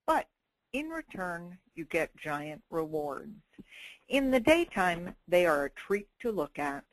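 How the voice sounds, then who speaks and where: A middle-aged woman giving a wry, expressive sermon-style talk, acting out quoted voices. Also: on the low side, slow, no room sound, poor audio. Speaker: speaker giving a Torah talk.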